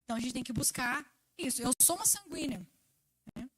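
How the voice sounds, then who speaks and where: A Brazilian Portuguese woman preaching a sermon at a church service, swinging between loud emphasis and quiet asides. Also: sits high, animated, fairly quick, slight background noise.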